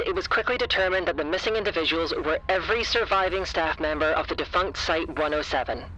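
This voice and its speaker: Playing an impersonal male official, an actor delivers an incident report as a formal, clipped, detached scripted bulletin for an audio drama. His voice sits high and is bright with a forceful tone. The recording sounds rough.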